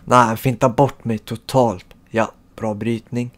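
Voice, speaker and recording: A man giving live commentary over his football video game, cheering his team and groaning at misses. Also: medium pitch. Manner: excitable, shouts at goals, groans at misses. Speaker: gaming channel host.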